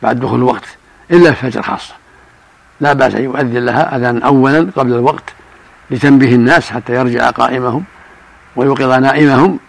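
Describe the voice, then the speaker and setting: An older man, a religious scholar, answering questions in a measured, explanatory way. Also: medium pitch, gravelly. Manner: measured, explanatory, chants call-to-prayer examples.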